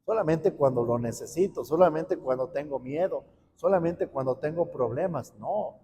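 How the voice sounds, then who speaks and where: A man's voice: a little high, normal speed, mellow, a little hiss or hum. A man, a priest giving a conversational Sunday homily who acts out parishioners' thoughts in little voices. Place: parish church. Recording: reverberant church hall with faint ambience.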